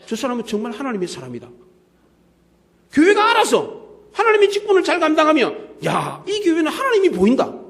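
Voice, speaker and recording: A man preaching a sermon as pastor, telling lively everyday stories and acting out the scenes he describes. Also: extremely high pitch. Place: church sanctuary. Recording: long reverb of a church hall.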